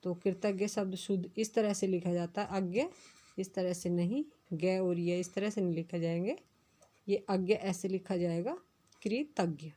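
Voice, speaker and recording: A woman teacher giving a recorded class lesson, going slowly and carefully through spelling words. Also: lowish voice, warm tone. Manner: slow, careful dictation of words. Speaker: school teacher.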